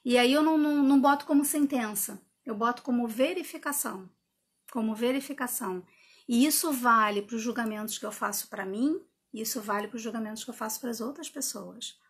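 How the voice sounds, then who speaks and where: A woman with a high voice speaks in a casual live talk as a personal development coach. She reasons out loud with rhetorical questions and tag questions. She slips into acting out her own inner dialogue. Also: a little fast, breathy edge. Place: indoor room with a window.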